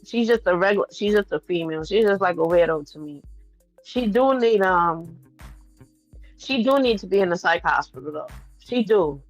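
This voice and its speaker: A woman's voice: lowish voice, animated, normal speed, no echo, faint music behind, rough recording. A woman chatting candidly and bluntly on a livestream, swearing freely and repeating phrases for emphasis. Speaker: livestream host. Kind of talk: casual, candid livestream chat to viewers.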